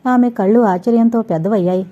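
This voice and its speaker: Woman narrator for an audio novel; steady, mellow reading, dull lo-fi audio. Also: fairly high pitch, quick pace. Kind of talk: scripted narration.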